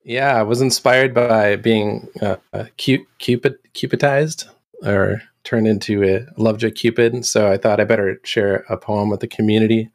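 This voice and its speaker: A man presenting on a community show in a casual, halting way, often restarting and clearing his throat. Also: on the low side, fairly even intonation, no room sound, clean studio sound. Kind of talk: casual chat.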